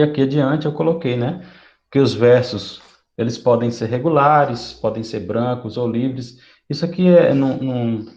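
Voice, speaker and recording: Guy teaching a class online, gravelly voice, keeps asking "right?", echoey room on a muffled mic. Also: medium pitch, a little mellow. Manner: explanatory, checks in with "né?" and "certo?". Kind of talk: recorded online lesson. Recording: roomy, dull lo-fi sound.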